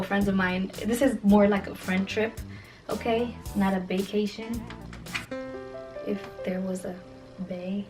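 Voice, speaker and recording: Speaking at a medium pitch, this Kenyan vlogger, aged 29, keeps her casual conversation animated, emphatic and full of playfulness.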